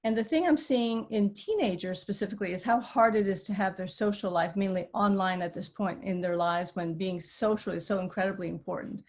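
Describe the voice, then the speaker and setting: A middle-aged woman psychiatrist who grew up in Vietnam gives a webinar talk over a video call. Her voice sits at a medium pitch, and her manner is conversational as she explains ideas through everyday analogies. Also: brisk, few pauses, darkish tone.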